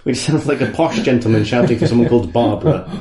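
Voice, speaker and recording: A man co-hosting a podcast, reading out a list with jokes, swearing and frequent laughter, a little hoarse. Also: medium pitch, fast talker, mellow. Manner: jokey, swearing, laughing often. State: losing his voice. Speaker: podcast co-host. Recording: roomy echo.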